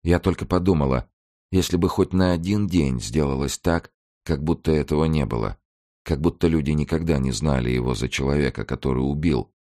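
A man voicing an elderly grandmother who pleads in a creaky, flat and dull voice. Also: extremely low pitch, fairly quick. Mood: flat pleading.

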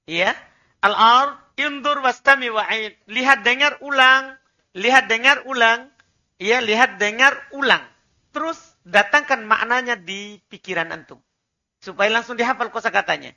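A man with an Indonesian accent leads an Arabic classroom drill in a very high, bright, ringing voice. He speaks slowly and deliberately, modelling phrases and correcting pronunciation before having them repeated. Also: dull audio. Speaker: Arabic teacher.

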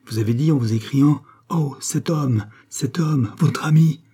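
A man's voice: mid-range voice, normal speed, mellow, breathy edge, natural voice. A man reading an audiobook, voicing a proud young nobleman who presses his questions earnestly. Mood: insistent. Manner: insistent, earnest.

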